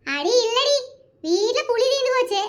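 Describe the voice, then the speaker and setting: Woman doing a sly hushed village woman. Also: big pitch swings, normal speed. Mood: scheming. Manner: conspiratorial, drops to a low hush. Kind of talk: cartoon voice acting.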